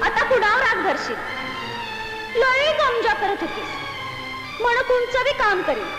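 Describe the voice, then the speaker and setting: A bold, sly village woman with a taunting, rustic manner. Her voice is very high and swings widely in pitch. Film music plays behind her. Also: expressive, measured pace, rough recording. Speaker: film character. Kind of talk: 1980s film acting. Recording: old film soundtrack with music.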